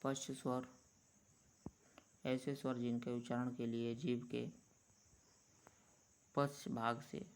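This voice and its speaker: A man teaching a lesson at an unhurried, deliberate pace. He explains step by step and stretches out each sound he demonstrates. His voice sits at an ordinary pitch for a man. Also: flat delivery, darkish tone, clean tone. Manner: slow, measured, drawn-out letter sounds.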